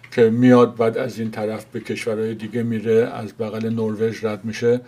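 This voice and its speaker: An older man with an Iranian Persian accent talks through the news informally. His voice is mid-pitched and soft-edged, staying quite level in tone. He speaks haltingly, often pausing and padding sentences with filler phrases. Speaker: commentator presenting news. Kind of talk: informal news commentary to camera.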